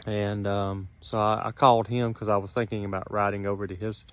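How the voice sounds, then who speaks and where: A middle-aged man talking casually to a vlog in a drowsy, halting, unhurried way, with a dry mouth and some gum chewing. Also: fairly low pitch, little pitch movement, fairly bright tone, clean tone, no echo. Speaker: vlogger. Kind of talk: casual solo vlog, rambling personal talk.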